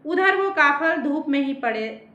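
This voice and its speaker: A woman narrating a folk tale slowly and with feeling, lingering on each phrase. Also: sits high, expressive, pushed and bright. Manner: slow, deliberate, emotive storytelling. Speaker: storyteller. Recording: roomy, slightly dull recording.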